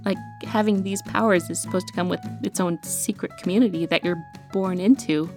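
A woman's voice: lowish voice, fairly even intonation, brisk, faint music behind, close to an everyday voice. An actress playing an awkward, earnest young woman with magic, rambling and hesitant as she records herself in an audio drama. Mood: chatty. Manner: rambling, hesitant, stammering when flustered.

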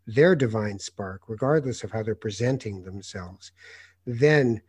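Husky guy from north africa, journalist host, tells stories all animated, lots of uhs. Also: on the low side, measured pace. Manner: animated anecdotes, hesitant fillers. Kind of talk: conversational interview storytelling.

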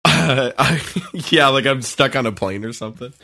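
A man's voice: mid-range voice, normal speed, gravelly, sharp tone. A man co-hosting a casual podcast, giggly and goofy, laughing often and slipping into silly voices. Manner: does silly put-on voices. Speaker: podcast co-host.

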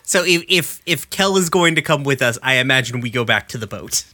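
Bright, mid-pitched player, laughs easily, quick banter. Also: expressive, slight background noise. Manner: laughs often, quick back-and-forth. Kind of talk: casual tabletop game chat.

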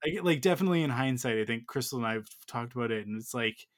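A man's voice: medium pitch, animated, fast. A man in his thirties telling a long personal story in casual chat, full of fillers and restarts. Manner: rambling, filler-heavy storytelling.

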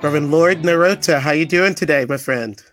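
A man's voice: a little high, a little fast, fairly bright tone, soft background music. A man hosting a podcast, friendly and upbeat as he introduces and questions his guest. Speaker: podcast host.

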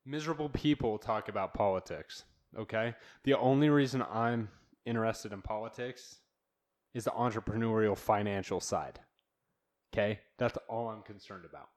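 A man's voice: on the low side, normal speed. A man hosting a solo podcast from his new home studio, rambling bluntly and swearing freely. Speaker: podcast host.

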